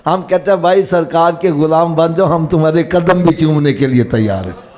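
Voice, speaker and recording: High-voiced Pakistani preacher, fiery sermon. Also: male voice. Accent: Pakistani Punjabi. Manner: swings from low explaining to high shouted exhortation. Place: live religious gathering.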